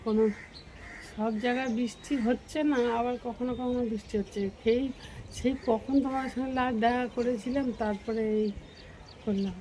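A woman's voice: on the high side, fairly even intonation, normal speed, warm tone, a little hiss or hum, low-quality recording. Chatty Bengali woman vlogging while cooking. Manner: chatty, talks to viewers while cooking and walking. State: unwell with a cold. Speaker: family vlogger. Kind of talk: casual vlog chat while cooking.

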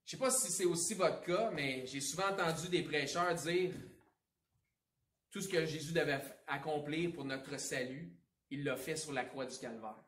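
A man with a Quebec French accent preaching a Sunday sermon, swinging between emphatic outbursts and hushed asides. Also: on the high side, normal speed, reverberant, recorded from a distance. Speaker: pastor. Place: church sanctuary.

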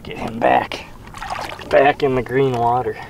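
A man in his twenties vlogging from a small boat on a lake, talking casually to an action camera strapped to his chest, excitable and quick to laugh. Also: mid-range voice, vocal fry, background noise. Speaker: fishing vlogger. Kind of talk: casual on-the-water narration.

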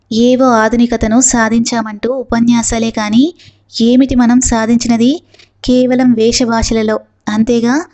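A woman reading the part of a grave, serious young man who speaks slowly and earnestly, in a dull lo-fi recording. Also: on the high side, mellow, close to an everyday voice. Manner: slow, measured, earnest.

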